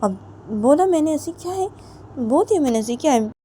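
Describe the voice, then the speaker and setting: A woman's voice: high-pitched, animated, fast talker, warm tone, slight background noise, pitched above the performer's own voice. A woman voicing a fiery, irritated young woman who snaps and keeps demanding to be let go. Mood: shrill anger. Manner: snappish, repeats "let go of me".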